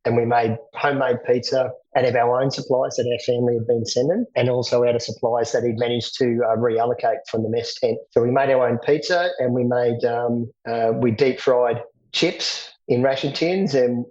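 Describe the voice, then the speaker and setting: A middle-aged Australian man, a veteran, recalling his army days in a plain, steady way, often restarting his words. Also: medium pitch, normal speed, few pauses, highs cut off. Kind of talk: interview recollection.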